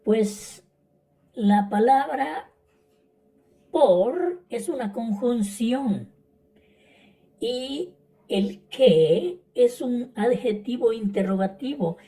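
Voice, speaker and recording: A woman grammar teacher who talks slowly and patiently, going over each point more than once. Her voice is mellow and somewhat high. She sounds a little distant from the mic. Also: expressive. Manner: patient, repeats points, checks with "¿verdad?". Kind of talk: slow classroom explanation.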